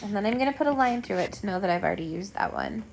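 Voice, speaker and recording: A woman's voice: medium pitch, huge pitch swings, very fast. A woman teacher guiding young children step by step through a lesson in simple, encouraging words, like a kids' show host. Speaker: elementary school teacher. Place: at home. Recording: clear background noise with clicks.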